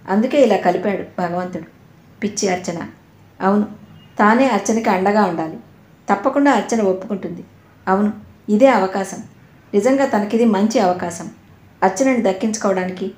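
A woman narrating an audio novel with expressive storytelling. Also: medium pitch. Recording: roomy echo.

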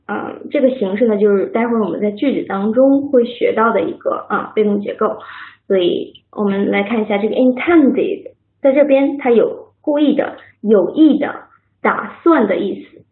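A woman teaching an English vocabulary lesson on a video call, encouraging and praising her students and drilling words by repetition. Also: fairly high pitch. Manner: drills words by repeating them. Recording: tinny phone-like line, echoey room.

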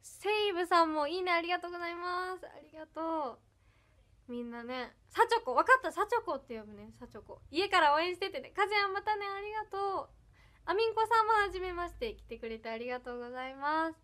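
A woman's voice: extremely high pitch, animated, quick pace, fairly bright tone. A young woman from Ehime speaking with an Iyo dialect mixed with some Kansai, chatting casually on a livestream, giggly and thanking viewers one by one. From Ehime, Japan. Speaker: idol livestreamer. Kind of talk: casual livestream chat reading comments.

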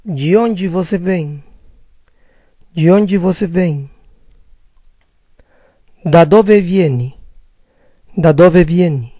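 The speaker is a man teaching language through a slow vocabulary drill, where each phrase comes twice. His voice is mellow and somewhat high, his pace very measured and calm, and the recording has no echo at all.

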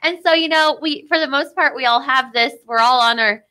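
Young woman, radio guest, bright voice, slightly high, chatty and giggly. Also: brisk, clean tone. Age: young adult. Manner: giggly, chatty, uses fillers. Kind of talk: casual radio interview. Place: radio studio. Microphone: studio microphone.

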